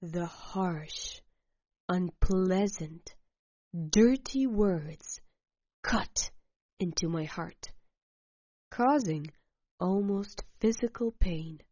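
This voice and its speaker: Woman narrator for a first-person story, very slow and measured, dull dry recording. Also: fairly low pitch, a little mellow, no room sound.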